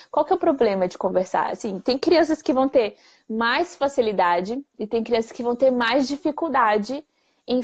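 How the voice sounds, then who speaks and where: A woman, a speech therapist answering viewer questions in a lively, plain-spoken way full of rhetorical questions. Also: a little high. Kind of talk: live Q&A explainer. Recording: dull lo-fi livestream audio.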